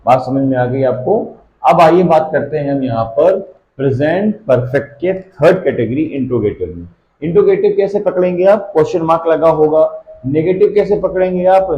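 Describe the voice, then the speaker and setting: A man teaching a grammar lesson to students, repeating and drilling example sentences step by step. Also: on the high side. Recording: echoey dull-sounding room.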